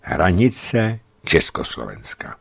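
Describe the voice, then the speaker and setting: Male narrator, deep voice, animated delivery, studio reading of a travel memoir. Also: gravelly, slightly rough. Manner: lively, voices dialogue with raised pitch. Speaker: reader.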